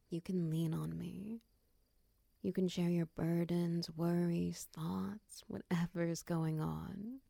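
Slow, gravelly soft-voiced woman soothing. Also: fairly low pitch, no room sound, studio quality. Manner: soft, soothing, slips into whispers; guides slow breathing counts. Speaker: comforting partner in an audio roleplay. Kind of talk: ASMR comfort roleplay.

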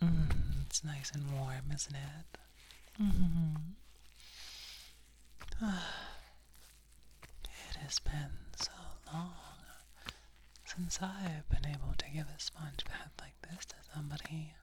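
A woman in a whispered ASMR roleplay, talking in a soft breathy whisper, slow, soothing and attentive, close to the microphone. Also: low-pitched, fairly even intonation, a little hiss or hum. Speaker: ASMR performer. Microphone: close sensitive microphone.

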